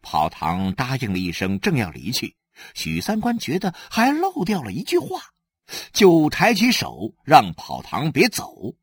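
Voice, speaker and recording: A man reading a novel aloud as a storyteller, animated and acting out the scenes. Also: medium pitch, unhurried, breathy edge.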